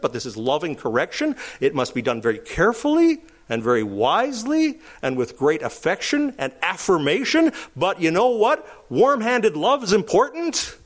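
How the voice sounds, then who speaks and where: Here a middle-aged male pastor gives a sermon, with calmer moments broken by emphatic calls that climb high in pitch.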